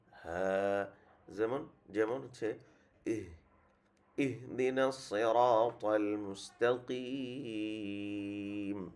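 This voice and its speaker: A man's voice: fairly low pitch, vocal fry. A man teaching a tajweed lesson, patiently repeating each sound many times as a demonstration. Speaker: Quran recitation teacher.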